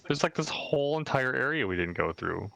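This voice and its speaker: A man's voice: medium pitch, sing-song, brisk, creaky, a bit bright, no room sound. A man playing a video game alongside the streamer, laid-back with brief replies. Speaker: co-player on a gaming stream. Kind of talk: casual chat while gaming.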